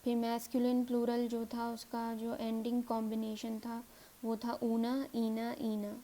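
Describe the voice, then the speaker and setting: A woman teaching a grammar lesson as a recap, saying example words slowly three times over. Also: fairly high pitch, monotone, warm tone.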